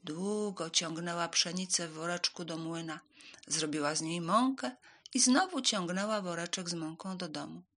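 Woman, storyteller, reading a fairy tale to children, bright, breathy. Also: lowish voice, moderate pace. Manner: animated, expressive storytelling.

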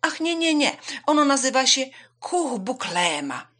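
A woman voicing an eager, forgetful young male hare who talks in a high, hasty, excited way. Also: unhurried, heavily acted. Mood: flustered.

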